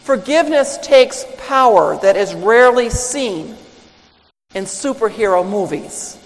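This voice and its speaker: A woman preaching a sermon, deliberate and measured, with emphatic swells on key phrases. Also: a little high. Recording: long reverb of a large hall.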